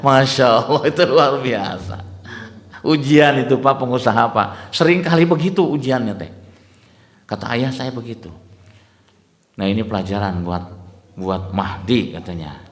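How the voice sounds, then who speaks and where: Preacher in echoing hall. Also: male voice, mid-range voice, measured pace, pauses often. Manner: animated storytelling, constantly addressing listeners as "Pak". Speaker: Islamic preacher. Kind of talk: dawn lecture sermon. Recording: echoey hall with long reverb.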